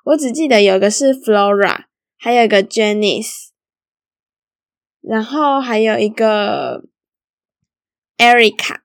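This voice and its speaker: A young woman chats through her own stories as a solo podcast host, giggly and loose, with fillers all through her speech. Her voice sits a little high. The recording is close and dry, with no room sound. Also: animated, slow pace, pauses often, dry recording. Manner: chatty and giggly, lots of fillers like 好啦 and 反正. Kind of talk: casual solo storytelling.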